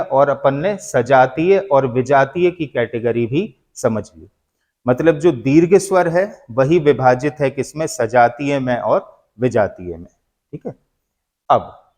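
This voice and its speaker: Male teacher, slow deliberate delivery, slightly raised pitch, asks and answers his own questions. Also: darkish tone. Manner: asks questions and answers them himself, calls students "beta"; slow, drawn-out explanation. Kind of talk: classroom lecture on grammar.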